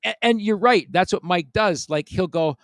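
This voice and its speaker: A man's voice: high-pitched, normal speed, fairly bright tone, no room sound. A man hosting a casual podcast chat, reading out listener comments and chuckling often, close to the mic. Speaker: podcast host.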